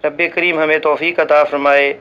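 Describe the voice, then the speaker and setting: A man reading a written religious ruling aloud in a formal, measured way, reciting Arabic scripture and now and then slipping and restarting a word. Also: a little high, level tone, clean tone, dull audio. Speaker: voice-over reader for a religious channel.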